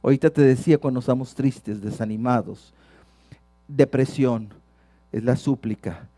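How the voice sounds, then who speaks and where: A man preaching a sermon, reading psalms with swings from hushed to shouted. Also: mid-range voice, moderate pace, dry recording. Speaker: pastor.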